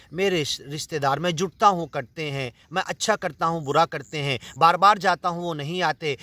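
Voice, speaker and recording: In an earnest sermon, an Indian man with an Indian Urdu accent teaches the Quran, first reciting Arabic verses and then putting them in his own words. He sounds a little high, bright and forceful, and the audio has no echo.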